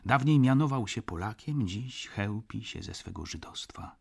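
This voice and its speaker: A male audiobook narrator with a low, husky voice. He reads a first-person account in a measured, reflective way. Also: expressive. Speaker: audiobook reader.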